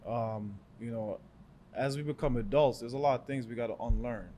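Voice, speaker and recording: A man's voice: mid-range voice, normal speed, warm tone. Jamaican-born young male co-host, reflective, chatty, faint background noise. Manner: reflective, many fillers. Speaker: podcast co-host. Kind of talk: casual chat.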